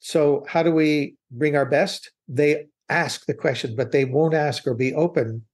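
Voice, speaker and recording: A man's voice: fairly high pitch, steady tone, a little slow. A man as an interview guest, speaking earnestly and reflectively in long, winding answers with restarts. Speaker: business consultant guest. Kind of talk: interview conversation.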